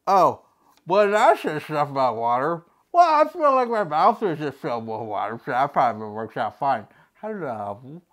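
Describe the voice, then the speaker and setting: Woman talking around a mouthguard. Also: lowish voice. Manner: playful and jokey, reading instructions aloud. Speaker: unboxing video host. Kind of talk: casual unboxing vlog.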